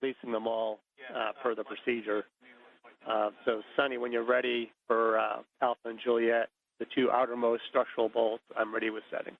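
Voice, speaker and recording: A man speaking as a mission control communicator, giving measured procedural instructions over a radio link with hesitant pauses, like a sci-fi communicator. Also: medium pitch, little pitch movement, gravelly, no echo. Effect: radio transmission. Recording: muffled band-limited radio link.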